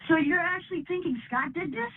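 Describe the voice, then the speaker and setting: A woman's voice: extremely high pitch, lively intonation, a little fast. A woman on a prison phone call who talks in a blunt, combative way and swears often. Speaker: inmate's sister on a phone call. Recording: tinny distant phone-line recording.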